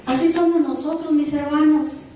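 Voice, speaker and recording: A woman's voice: high voice, fairly even intonation, normal speed, dark tone, a little hiss or hum. A woman preaching a sermon in a large church, dramatic, often questioning her congregation. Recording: echoey church hall from far off.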